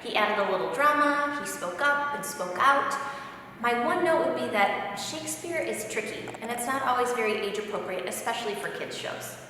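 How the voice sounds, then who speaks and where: A woman directing auditions, briskly interrupting and giving notes. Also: a little high, expressive, pushed and bright, slight background noise. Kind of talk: instructional talk. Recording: echoey hall from far off.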